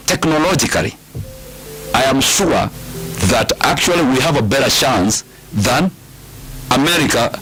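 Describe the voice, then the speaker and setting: Animated man with a Kikuyu Kenyan accent. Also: mid-range voice, rough recording. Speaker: guest, comedian. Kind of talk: casual interview talk.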